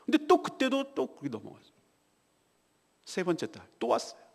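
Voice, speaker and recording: Lively pastor in a reverberant church. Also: male voice, high-pitched, moderate pace, gravelly. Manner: storytelling, confessional, swings from hushed to loud. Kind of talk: morning devotional sermon. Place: church sanctuary. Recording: long reverb of a church hall.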